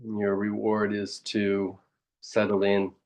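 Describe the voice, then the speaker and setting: The pitch here is fairly low and the delivery completely flat as a man teaches a guided meditation. He poses soft questions and reflects aloud in brief, leisurely phrases.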